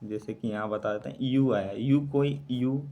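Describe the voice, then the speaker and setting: A man teaching an English grammar lesson in for exam preparation. He asks his students questions and answers them himself, and spells out letters and words slowly. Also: mid-range voice, steady tone, lo-fi sound.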